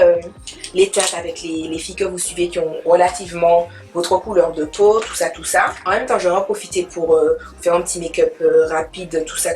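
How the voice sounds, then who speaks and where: Chatty woman doing a makeup tutorial. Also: fairly low pitch. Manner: chatty, mixes in English words, repeats fillers. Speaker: beauty vlogger. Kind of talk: casual makeup tutorial chat.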